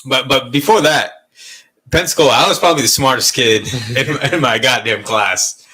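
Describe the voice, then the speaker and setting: Candid bright-voiced man from Malaysia. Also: medium pitch, normal speed, breathy edge. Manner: candid, rambling storytelling with frequent swearing and laughs. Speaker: podcast co-host. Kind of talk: casual chat.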